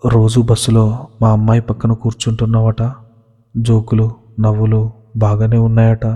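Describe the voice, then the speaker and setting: Storybook figure: a man doing a grave, threatening uncle, deep and flat, in a reverberant hall. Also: normal speed, close to an everyday voice. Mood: stern warning. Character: stern powerful middle-aged uncle.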